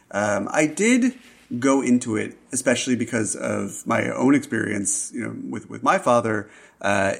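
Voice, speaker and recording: A man with a low, heavily gravelly voice talks about a film in casual podcast chat. He is reflective and hesitant, with plenty of ums and restarts. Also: a bit bright. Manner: thoughtful, hesitant, many fillers. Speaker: film critic podcast co-host.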